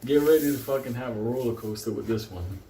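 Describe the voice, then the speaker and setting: This storyteller and host has a mid-range voice with a dark tone and a quick pace. A native Spanish speaker from Puerto Rico or a Puerto Rican community, he delivers rambling, casual comedy stories packed with swearing and frequent laughter. Expect a roomy echo and faint background noise.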